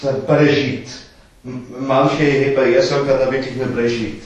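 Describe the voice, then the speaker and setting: A man gives a patient, explanatory lecture to a small group of listeners. He halts often and repeats words as he works through each point. His voice sits at an ordinary pitch in a strongly echoing room with a faint hiss behind it. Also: flat delivery, brisk, darkish tone, highs cut off. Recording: very echoey room.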